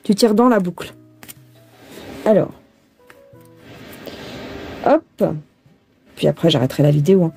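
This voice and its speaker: Chatty and thinking out loud, a French cross-stitch host addresses the viewer as "tu" in a casual tutorial filmed by a phone over her hands. Her fairly low voice is expressive yet dark, husky and creaky, with a measured pace and frequent pauses. Faint music plays behind her.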